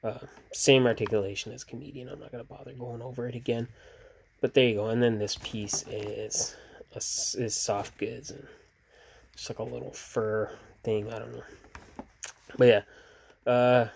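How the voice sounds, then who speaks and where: A sleepy man casually reviewing action figures, relaxed and rambling with fillers and restarts. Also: medium pitch, moderate pace, gravelly, long pauses, a little hiss or hum. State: sleepy, yawning.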